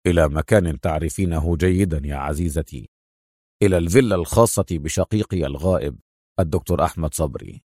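A cool, commanding hero agent with a deep, hushed voice, as a male narrator puts him on. He gives orders steadily and quietly. The recording is dry and close. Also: quick pace, no echo.

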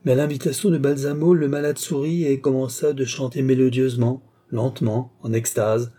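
A man narrating an audiobook novel in a measured, even storytelling manner. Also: medium pitch, husky. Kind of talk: scripted narration.

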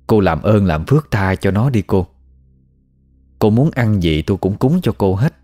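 Frightened middle-aged parents plead with a ghost for their only son. A man with a Southern Vietnamese accent acts them out in a low, mellow voice over faint music. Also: lively intonation, moderate pace.

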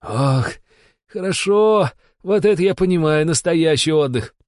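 A man voicing a panicked male police captain who shrieks and yells in a storybook reading. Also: very high voice, measured pace, dry recording, studio quality, pitched above the performer's own voice. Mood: blissful. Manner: shrieking, yelling.

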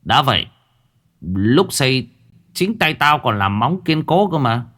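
A man's voice: mid-range voice, big pitch swings, a little slow, fairly bright tone, voice pushed up. A man voicing a bossy older village clan elder who barks orders brusquely. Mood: puzzled.

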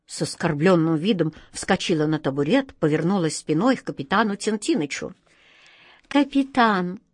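Lowish woman reading a storybook. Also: brisk, husky, no echo, clean studio sound. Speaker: audiobook reader. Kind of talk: storybook narration.

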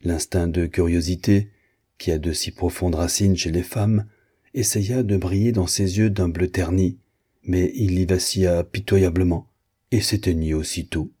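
A man narrating a novel as an audiobook in a measured, steady reading. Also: sits low, breathy edge. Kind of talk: scripted narration.

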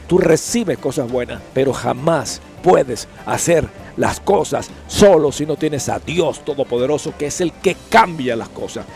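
A man with a slightly high, darkish voice hosts a trucker channel from outdoors. He preaches to his viewers, urging them earnestly and repeating himself.

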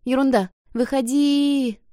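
A woman voicing a schoolgirl who pleads and shouts at full voice, in an audiobook reading. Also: a little high, expressive, fast talker, no echo, studio quality, close to an everyday voice. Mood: urging. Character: desperate schoolgirl shouting to save her friend.

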